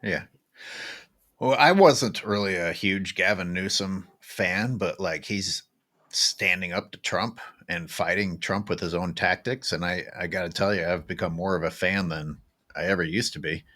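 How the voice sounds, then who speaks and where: A podcast host with a very low, deep voice talks casually, wry and a little exasperated. He sounds like a man used to cueing up clips and riffing on them with a co-host. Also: normal speed, pushed and bright. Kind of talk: casual political chat.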